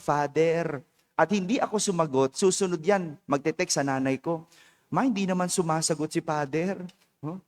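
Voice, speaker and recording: A Filipino priest talks through his homily in a loose, chatty way and keeps checking in with the congregation through quick questions. His voice sits high for a man. It carries the long ringing reverb of a church. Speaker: parish priest. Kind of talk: conversational homily.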